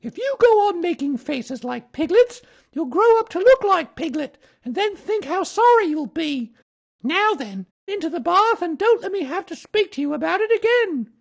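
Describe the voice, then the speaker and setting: A storybook reader voicing a brisk, motherly female kangaroo who soothes and scolds in a singsong manner. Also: extremely high pitch, animated, pitched above the performer's own voice, full character voice. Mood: brisk, scolding.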